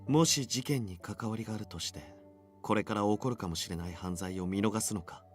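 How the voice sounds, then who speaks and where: A man voicing a gruff, curt young male detective in a story game. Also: lowish voice, rapid-fire, faint music behind, natural voice. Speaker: game character. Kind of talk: anime-style game voice acting.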